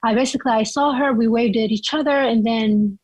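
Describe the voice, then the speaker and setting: High-voiced young woman from Iraq. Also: fairly quick, darkish tone, no room sound, poor audio. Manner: chatty, full of "like" and "you know". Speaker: guest. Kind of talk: casual interview storytelling.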